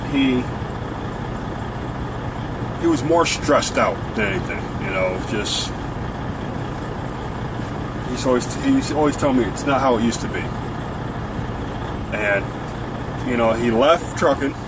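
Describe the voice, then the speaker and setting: Trucker on a poor low-quality stream. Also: male voice, lively intonation, slow pace, long pauses. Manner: plainspoken, repeats and restarts phrases. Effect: poor low-quality stream audio. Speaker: truck driver. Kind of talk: casual vlog talk. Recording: low-quality stream with loud road noise.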